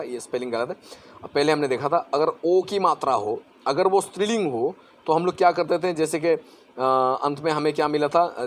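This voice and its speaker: Male grammar teacher, Assamese-influenced accent, somewhat high voice, chatty and repetitive. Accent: Assamese-influenced Hindi. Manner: conversational, repeats words, asks and answers own questions. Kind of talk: explaining Hindi grammar to exam students.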